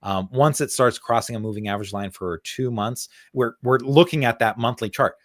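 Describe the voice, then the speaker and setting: A man walks through stock charts at an everyday mid pitch, trading in steady, conversational analysis. He circles back on his words and leans on fillers as he thinks aloud. The sound is dry and close, with no room around it. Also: moderate pace, no room sound. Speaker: co-host, stock market analyst.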